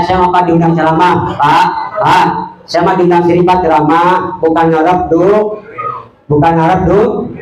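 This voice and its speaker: A man's voice: on the high side, echoey room, poor audio. An older man preaching a comic sermon, joking and teasing his audience between prayers. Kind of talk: comic sermon at a religious gathering. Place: live religious event, crowd gathering.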